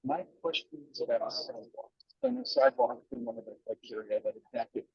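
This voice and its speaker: A man's voice: medium pitch, big pitch swings, fast, gravelly, slightly rough, no room sound. Man on a breaking-up call from a bus. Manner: asks a question in short pieces, repeating himself. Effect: call audio breaking up, muffled like snorkeling. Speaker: councilmember calling in remotely. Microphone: phone or video call. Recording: garbled, muffled remote call line.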